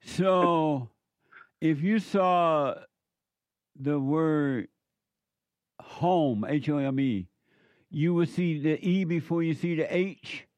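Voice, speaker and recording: A man with a smooth radio host delivery, hosting a call-in talk show and slowly repeating phone numbers for listeners. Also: a little high, no echo.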